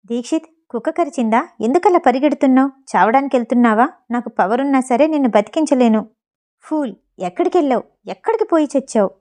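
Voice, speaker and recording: A flustered young heroine from a read-aloud romance, quick to snap, as a woman narrator puts her on. Her voice is a little high and mellow. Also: animated. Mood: scolding.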